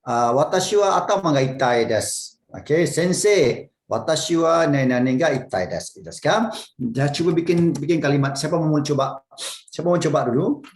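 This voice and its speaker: Male teacher, patient and repetitive, fairly high pitch, echoey online class. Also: animated, moderate pace. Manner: patient, repeats words for students to echo. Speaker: Japanese language teacher. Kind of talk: casual online language class.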